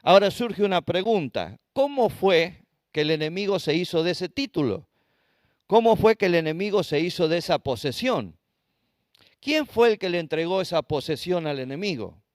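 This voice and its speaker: A man's voice: sits high, lively intonation, normal speed, no room sound, studio quality. A man with an Argentine accent leading a Bible study class in a church, asking the class questions and spelling out Hebrew words. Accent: Argentine Spanish. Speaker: Bible teacher.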